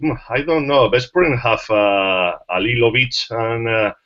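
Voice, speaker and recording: A man from Spain, speaking haltingly with many fillers as a panelist in a casual discussion. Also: medium pitch. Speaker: journalist panelist. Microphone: video call. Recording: muffled online call audio.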